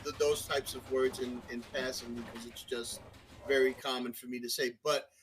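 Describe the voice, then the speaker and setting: A man's voice: mid-range voice, flat delivery, normal speed, poor audio. A middle-aged man with a Brooklyn New York accent, talking frankly and rambling as a podcast guest, with lots of fillers and restarts. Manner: frank, crass. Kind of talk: casual conversation.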